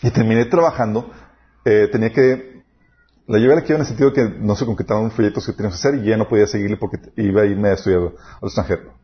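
A man's voice: fairly low pitch, rapid-fire. A man preaching a sermon, telling personal stories and acting out quoted dialogue. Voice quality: animated, storytelling with quoted dialogue. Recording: dull lo-fi sound.

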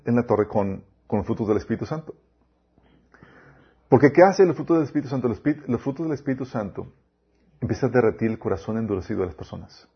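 A man delivers a sermon in a husky, slightly breathy voice, often putting rhetorical questions to his listeners. His pitch sits in an ordinary middle range. The recording sounds a little dull and muffled. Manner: addresses listeners as "chicos", quotes scripture, rhetorical questions. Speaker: preacher.

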